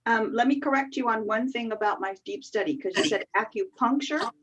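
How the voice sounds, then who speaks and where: A woman's voice: on the high side, brisk, fairly bright tone. A woman teaching qigong as an interview guest, explaining patiently step by step with many fillers over a video call. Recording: muffled lo-fi video call audio.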